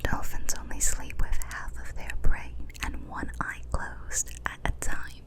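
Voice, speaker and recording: A young adult woman giving whispered ASMR narration, cupping her hand and whispering very close to the mic without voicing. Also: measured pace. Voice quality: unvoiced whisper. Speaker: ASMR host. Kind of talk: whispered ASMR, reading fun facts. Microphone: extreme close-up mic.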